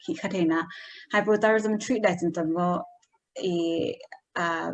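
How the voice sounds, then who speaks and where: A woman giving an informal health talk, explaining slowly and hesitantly, dropping in English medical terms. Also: mid-range voice, fairly even intonation.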